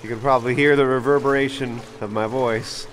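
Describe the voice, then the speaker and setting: A man's voice: medium pitch, fairly even intonation, a little fast, a bit bright, slight background noise. A man hosting an outdoor vlog, chatting and laughing as his voice echoes inside a tunnel under a bridge. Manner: upbeat, chatty, laughs often. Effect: echoing tunnel reverb. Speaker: vlog host, fossil hunter. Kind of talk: casual outdoor vlog chat.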